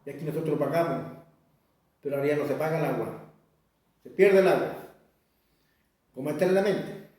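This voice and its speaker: Old guy teaching a class, rambles and repeats words, kinda high voice, mic far away in a big echoey room. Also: darkish tone. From Chile. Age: older. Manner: rambling, repeats words, slow deliberate stretches. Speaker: Mapudungun teacher. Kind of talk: informal class talk. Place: community cultural center.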